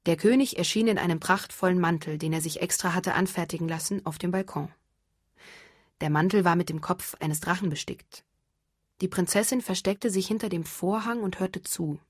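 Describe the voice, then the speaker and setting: A woman reading a fairy tale aloud in a calm, even storytelling manner. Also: fairly low pitch, normal speed, slightly rough, no echo, studio quality.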